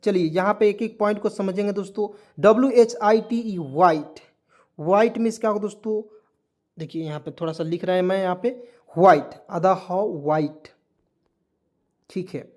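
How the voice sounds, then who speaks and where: A man's voice: high voice, moderate pace, darkish tone. A man teaching English vocabulary. He keeps asking his viewers what each word means and then repeats the answer. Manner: drills words, repeats questions to viewers. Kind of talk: lesson.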